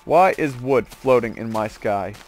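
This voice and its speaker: A gaming-series host talks a little slowly at medium pitch, rambling casually over the game and straying into joking asides. There's clear background noise with clicks in the recording.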